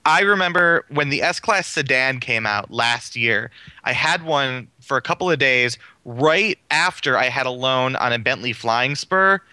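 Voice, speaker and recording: A man talks cars in relaxed podcast chat, enthusiastic and rambling, stacking up fillers as he goes. His voice is very bright and forceful. The recording is close and dry. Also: medium pitch, clear, resonant tone, no room sound. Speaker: car reviewer on a podcast. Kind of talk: casual chat.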